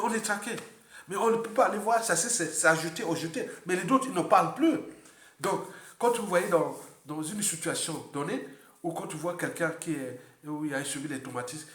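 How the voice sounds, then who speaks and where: A man with a Congolese French accent giving an unscripted political monologue, repeating himself and jumping to high exclamations. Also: roomy sound. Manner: animated, repetitive, jumps to high exclamations. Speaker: political commentator.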